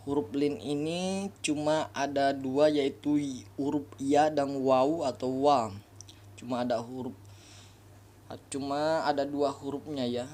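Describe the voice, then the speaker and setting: A man's voice: medium pitch, darkish tone, slight background noise. A man teaching Quran reading, going through each letter patiently and repeating every sound to drill it. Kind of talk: slow step-by-step recitation lesson.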